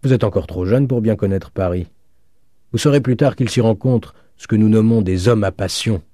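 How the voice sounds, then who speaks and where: A man's voice: lowish voice, normal speed, warm tone, dry recording, clean studio sound, pitched above the performer's own voice, lightly acted. A male narrator voicing a cynical, worldly middle-aged man with a sardonic, knowing manner. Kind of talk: audiobook reading.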